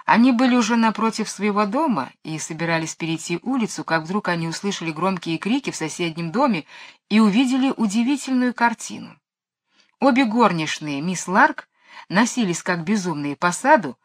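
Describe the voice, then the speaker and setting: A woman reading a children's story aloud, expressive and lively, with a middle-pitched voice. Her narration moves along steadily.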